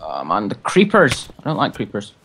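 A man's voice: fairly low pitch, huge pitch swings, moderate pace, pushed and bright, a little hiss or hum. A man hosting a gaming video, giving casual commentary and chatting with another player over voice chat. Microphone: voice chat call while gaming.

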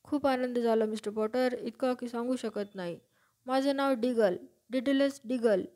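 A woman doing an excitable, gushing little wizard. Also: a little high, a little slow, close to an everyday voice. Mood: excited. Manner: excited, exclaiming.

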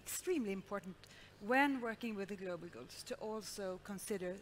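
A middle-aged woman speaks as a panelist on a large stage, reflective and often pausing with "uh". A headset mic picks her up, with faint noise in the space. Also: mid-range voice. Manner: reflective, with frequent hesitations. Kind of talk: panel discussion.

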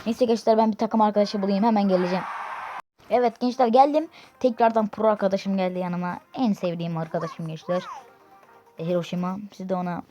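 A woman doing casual gameplay commentary from her room, excitable and cursing at teammates. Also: mid-range voice, brisk, muffled recording. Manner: excitable, swears and shouts at teammates. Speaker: gaming YouTuber. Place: own room at home. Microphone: faulty desk microphone. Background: loud game music.

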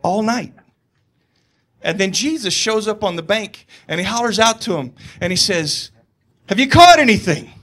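A male pastor delivers a sermon in a chatty, storytelling way, sprinkling in humor. His voice sits notably high for a man, and he keeps it lively and conversational throughout. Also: normal speed.

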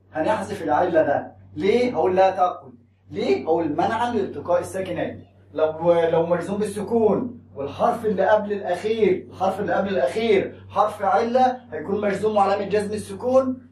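A man's voice: high-pitched, a little mellow, reverberant, far from the mic, a little hiss or hum. A man with an Egyptian Arabic accent teaching a grammar lesson, explaining step by step and asking and answering his own questions.

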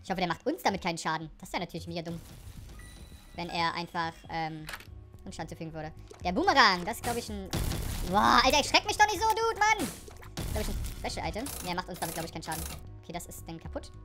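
A woman gaming YouTuber talks fast over soft background music while playing through a game. She shrieks at danger, then falls to low muttering, and mixes in bits of English.

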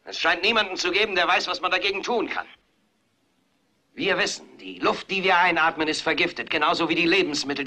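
A furious ranting TV anchor. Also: male voice, a little high. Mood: grim, brooding. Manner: builds from grim brooding to hoarse shouted commands. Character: weary middle-aged male TV anchor, furious and rousing. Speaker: news anchor on air. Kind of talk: dubbed film drama.

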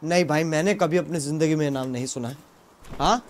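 Young man, high-pitched, joking, casual gaming chat with friends. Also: fairly quick, slight background noise. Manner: joking, teasing banter. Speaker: streamer.

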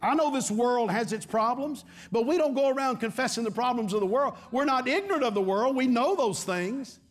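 A man's voice: very high voice, expressive, fairly quick. A middle-aged man preaching a sermon to his congregation, repeating his phrases and calling for amens. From Texas. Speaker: pastor. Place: large church stage before a congregation.

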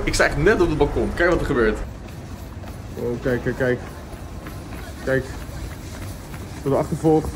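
A man in his twenties with a Netherlands Dutch accent, chatting casually to his vlog camera in an informal way, repeating short phrases. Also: mid-range voice. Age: 20s. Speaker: vlogger. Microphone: handheld camera at arm's length. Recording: clear background noise, traffic ambience.

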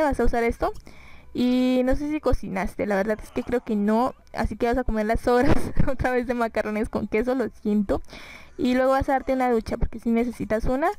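A woman's voice: fairly high pitch, a little mellow, rough recording. A woman giving casual let's-play commentary over a life-simulation game, chatty and exasperated. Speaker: gaming YouTuber.

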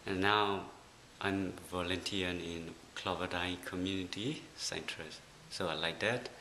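Slow, deep-voiced young man from Burma. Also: steady tone, pushed and bright. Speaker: volunteer and student. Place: indoor room, plain wall. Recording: roomy, faint hiss.

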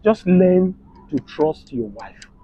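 A man's voice: sits high, very animated, slow pace, warm tone, breathy edge, highs cut off, full character voice. A man in his thirties with a Nigerian, West African accent playing a sensible bystander giving emphatic advice in a comedy skit. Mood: emphatic, reassuring. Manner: emphatic, advising, repetitive. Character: sensible bystander counselling a jealous husband. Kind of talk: naturalistic comedy skit acting. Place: outdoors on a street.

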